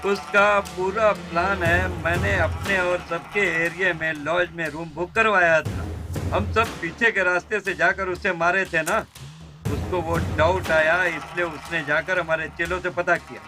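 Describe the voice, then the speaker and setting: A man's voice: sits high, steady tone, measured pace. A man voicing a boastful, scheming male gangster in a Hindi film dub. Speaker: gang member planning. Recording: film dub with music behind.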